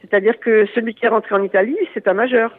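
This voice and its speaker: A man from Lyon speaking as a guest on a radio show over a phone line, halting and full of fillers. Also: high-pitched, fairly even intonation. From Lyon area, France. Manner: hesitant, halting, many fillers and restarts. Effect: heard over a phone line.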